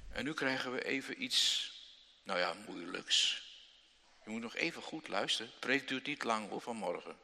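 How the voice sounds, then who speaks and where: A man preaching to children in a church, telling the story slowly and dramatically, with sudden loud outbursts and questions to his listeners. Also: mid-range voice, animated, creaky. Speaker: pastor. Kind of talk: children's sermon. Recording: long church reverb.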